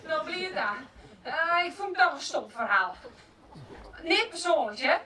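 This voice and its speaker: A woman's voice: high-pitched, big pitch swings, a little slow, crowd noise. An actress on an outdoor stage playing an emotional woman who has run away from her husband, talking in a theatrical, laughing, exclaiming manner. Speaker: stage actor. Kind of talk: open-air theatre acting. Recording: distant outdoor stage recording, faint noise.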